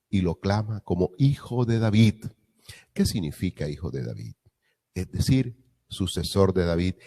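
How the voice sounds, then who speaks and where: A man's voice: low-pitched, mellow, husky. A man preaching a reflective meditation on a gospel reading, asking rhetorical questions and repeating key phrases.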